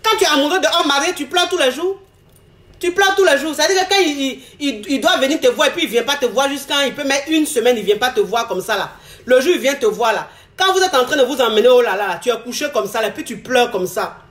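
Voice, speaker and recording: A woman's voice: sits high, animated, fast, fairly bright tone, echoey room. A woman giving frank relationship advice in a talk monologue, repeating her phrases for emphasis and acting out the lines she quotes. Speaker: advice speaker.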